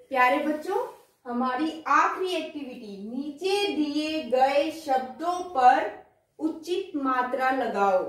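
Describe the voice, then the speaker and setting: A woman teacher giving a children's lesson, reading words out slowly and explaining them patiently. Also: high voice. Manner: slow, drawn-out word-by-word reading. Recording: echoey room, voice from far off.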